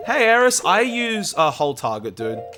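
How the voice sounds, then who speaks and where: Over background music, a young adult man from Australia narrates his speedrun stream in a high, sing-song voice at a moderate pace. He's casual and talkative, throwing around "mate" and "dude" as he speaks to viewers.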